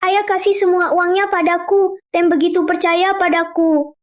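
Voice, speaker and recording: A woman's voice: very high voice, level tone, moderate pace. A woman voicing a clever, wary young son in a dubbed short drama. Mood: explaining.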